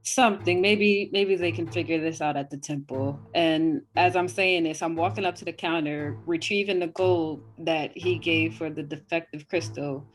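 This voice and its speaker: A woman's voice: low voice, steady tone, normal speed, few pauses, soft background music, low-quality recording. A woman playing a tabletop game, chatty as she describes her character's actions. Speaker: player. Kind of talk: casual tabletop game play.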